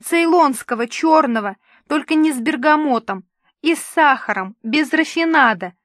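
A woman's voice: sits high, lively intonation, a little slow, fairly bright tone, dry recording, clean studio sound, voice pushed up. A woman voicing a capricious, pampered male TV star who whines and complains fussily. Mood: whiny petulant. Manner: whiny, fussy, theatrical complaining.

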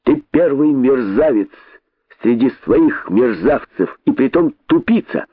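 A man voicing a bold, defiant male rabbit who shouts cheeky insults in a high, loud voice. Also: lively intonation, a little slow, no echo. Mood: defiant taunting. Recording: dry tinny phone-like sound.

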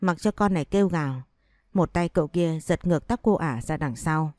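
A woman narrating a dramatic story in a steady, vivid reading. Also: deep voice, normal speed, no room sound, studio quality, soft background music.

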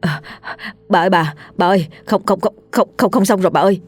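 A woman's voice: mid-range voice, breathy edge, faint music behind, close to an everyday voice. A woman voicing a young male servant who stammers in a breathless hurry. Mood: panicked. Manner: stammering, hurried.

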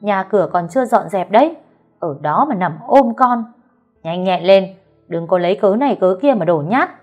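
A woman voicing a harsh older mother-in-law who shouts and berates her daughter-in-law, with soft music underneath. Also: mid-range voice, animated, moderate pace, phone-quality sound, natural voice. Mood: scolding, shrill.

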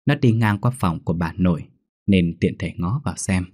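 A man reading a scripted horror story in a steady, measured way. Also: low voice, dry recording, clean studio sound.

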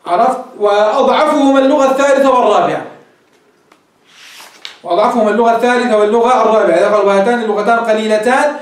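Male teacher, brisk classroom lecture, heard from far off in a very echoey room. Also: extremely high pitch. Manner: explains step by step, quizzing students. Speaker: teacher of Arabic grammar.

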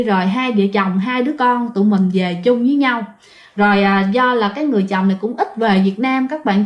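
A woman with a Southern Vietnamese accent, casually telling a ghost story and speaking straight to her listeners. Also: fairly high pitch. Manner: chatty, addresses listeners directly, frequent fillers.

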